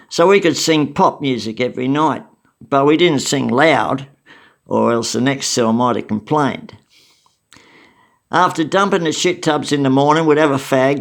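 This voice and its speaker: His voice a little high and gravelly, an older Australian storyteller recounts his past. The talk is a casual spoken memoir, delivered wryly and matter-of-factly.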